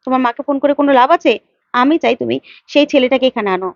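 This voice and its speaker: A woman's voice: high voice, very fast, gravelly, no echo. A woman voicing an angry young husband who confronts his wife with heated, insistent accusations. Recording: dull lo-fi, dry.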